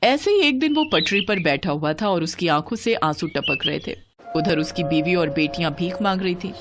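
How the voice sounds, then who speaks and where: A woman narrating a scripted children's moral story in an expressive storytelling manner. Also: on the low side, normal speed, music in the background.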